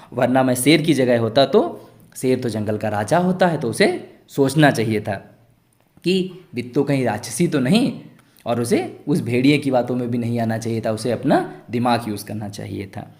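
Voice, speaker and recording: A man's voice: mid-range voice, darkish tone. A man tutoring young pupils, reading out textbook questions and then explaining the answers step by step. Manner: asks the pupils questions and answers them himself. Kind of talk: step-by-step school lesson.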